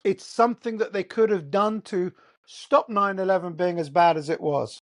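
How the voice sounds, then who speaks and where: A man from England, speaking with an English accent, hosts a heated, profane rant packed with blunt rhetorical questions. His voice is high, his intonation fairly even, and he talks at a normal speed.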